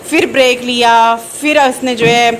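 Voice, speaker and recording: A woman's voice: fairly high pitch, fairly even intonation, normal speed, a bit bright, slight background noise. A middle-aged woman from North India narrating a casual home vlog, chatting and explaining each step while she cooks. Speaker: vlogger. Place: home kitchen.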